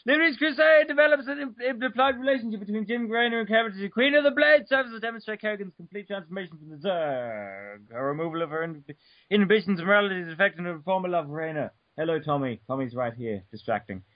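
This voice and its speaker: At home, a man reads an article aloud in an over-the-top dramatic style, tripping over words and stopping for joking asides. His high voice is expressive and quick. The dull lo-fi recording is dry.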